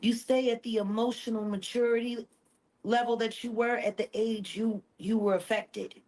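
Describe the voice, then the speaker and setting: A woman's voice: on the high side, steady tone, moderate pace, a little mellow. Blunt woman, emphatic and confrontational. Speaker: podcast guest. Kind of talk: heated podcast conversation.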